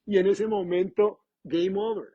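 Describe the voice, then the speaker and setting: Husky, high-voiced male preacher. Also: measured pace, lo-fi sound. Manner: animated, conversational preaching with humor. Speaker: pastor. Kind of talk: sermon.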